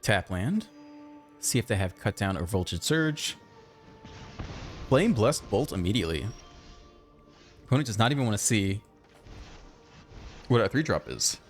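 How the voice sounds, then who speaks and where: Man, low voice, lively swings, gameplay commentary host, chatty, faint background music. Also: unhurried, pauses often. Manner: chatty, thinks aloud, excitable outbursts. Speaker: gaming channel host.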